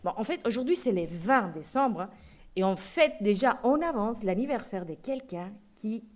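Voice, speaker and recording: A woman's voice: mid-range voice, normal speed. A woman preacher giving a playful children's sermon in a church. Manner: lively and playful, talking to children.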